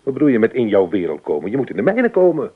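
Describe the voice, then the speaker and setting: In a Dutch radio play, an actor voices an irritable, practical husband weary of his wife, sounding accusing and exasperated as he halts and repeats words. His medium-pitched male voice is slightly rough with huge pitch swings, heard through a muffled, tinny, band-limited radio recording.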